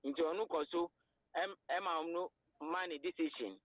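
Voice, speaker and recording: Over a narrow, tinny phone line, a man with a Ghanaian accent explains things as a legal guest. His voice is fairly high, and he speaks haltingly, switching into English terms. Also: no room sound. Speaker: lawyer, interview guest. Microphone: telephone.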